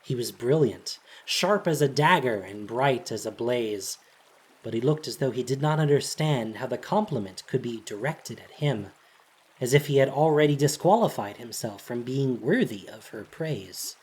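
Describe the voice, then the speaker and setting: Reading a dramatic tale, this narrator uses solemn, deliberate, measured phrasing. The voice is mid-range, husky, breathy and expressive.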